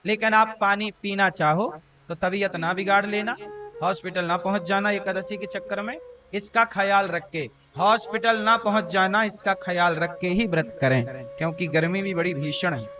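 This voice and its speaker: A man's voice: high-pitched, moderate pace, music in the background. A male spiritual preacher giving a devotional discourse to a live audience, folksy and often putting questions to the crowd. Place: large devotional gathering.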